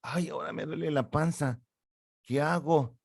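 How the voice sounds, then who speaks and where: A man's voice: measured pace, gravelly, breathy edge, no echo, clean studio sound, full character voice. A man putting on a whiny baby's inner voice. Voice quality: high, pleading, childish. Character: whiny newborn's inner voice, male, childish.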